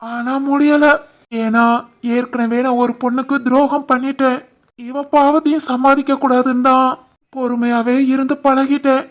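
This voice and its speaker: A woman voicing a patient older father-in-law in an animated family drama, gentle and resigned, with a southern Tirunelveli Tamil accent. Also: high-pitched, normal speed, lightly acted. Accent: southern Tamil Nadu (Tirunelveli) Tamil. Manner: gentle, resigned and soft-spoken.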